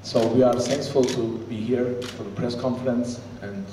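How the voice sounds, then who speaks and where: A man who is not a native French speaker, giving a press statement in broken, halting speech with grammar slips. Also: mid-range voice, fairly even intonation. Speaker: boxing team representative at a press conference. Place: echoey press conference room. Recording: echoey hall, distant mic, faint noise.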